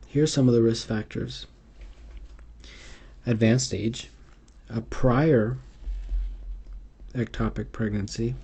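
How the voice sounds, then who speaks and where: A man's voice: mid-range voice, steady tone, slow pace, long pauses, mellow, breathy edge. A man giving an unscripted medical exam tutorial over slides, hesitant and full of fillers and restarts. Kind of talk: unscripted instructional lecture.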